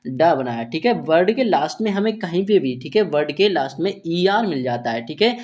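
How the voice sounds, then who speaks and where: A man teaching English reading in Hindi, explaining letter sounds slowly and patiently, often asking himself questions and answering them. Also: fairly high pitch, lively intonation, a little mellow, lo-fi sound. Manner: repeats "theek hai" and asks himself questions; slow, patient, step-by-step explaining. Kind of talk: Hindi-language phonics lesson.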